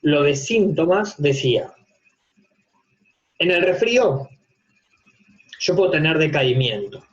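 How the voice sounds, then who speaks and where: With a slightly high, expressive voice, this man speaks slowly and leaves long pauses. He teaches psychopathology at a university and, with an Argentine Spanish accent, gives a relaxed online lecture from his home office, working through points step by step with rhetorical questions and everyday examples. Dull, lo-fi video-call sound.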